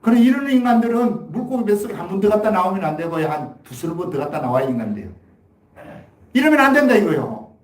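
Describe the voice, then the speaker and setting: A man's voice: high voice, big pitch swings, fast talker. A man preaching a Sunday sermon as pastor, telling a story in a folksy way and then pressing the point with emphatic exhortation. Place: church sanctuary. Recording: echoey church hall.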